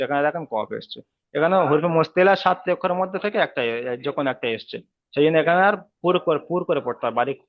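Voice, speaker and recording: A man's voice: on the high side, lo-fi sound. Patient man teaching recitation online. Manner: patient, repeats letters and syllables slowly. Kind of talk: online class tutoring. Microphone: video call.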